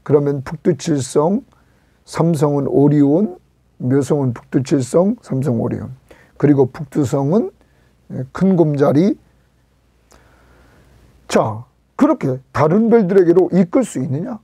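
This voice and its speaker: A man's voice: a little high, animated, unhurried, long pauses, dark tone, slightly rough, no room sound. A male pastor giving a Korean expository sermon, emphatic, swinging up on questions and sinking to a near whisper at the ends of lines.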